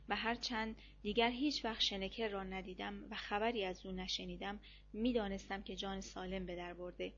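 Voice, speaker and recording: A woman narrating a novel aloud in steady, measured storytelling. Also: medium pitch, lo-fi sound, slight background noise. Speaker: audiobook narrator. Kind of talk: reading a war novel aloud.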